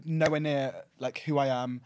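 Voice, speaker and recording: A man's voice: medium pitch, fairly even intonation, normal speed, a little hiss or hum. A man in his early twenties with an Essex accent, chatting casually in a camp, sweary, slangy manner as a guest. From Essex, England. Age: early 20s. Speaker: podcast guest. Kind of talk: casual confessional chat.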